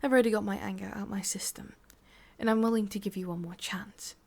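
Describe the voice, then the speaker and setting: Coldly threatening, an English-accented woman portrays a sadistic, condescending demon boss in an ASMR roleplay, moving deliberately between soft tones and whispers. The voice is mid-range, fairly even in intonation, creaky and slightly rough.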